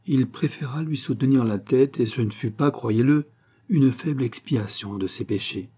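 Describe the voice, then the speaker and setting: Male audiobook reader, mellow dark tone, husky, measured storytelling. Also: mid-range voice. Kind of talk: scripted narration.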